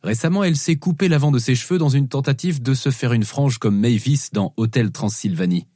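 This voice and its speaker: A man narrating an audiobook in the first person, with expressive storytelling. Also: medium pitch, brisk, dry recording, studio quality. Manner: expressive storytelling with lively shifts.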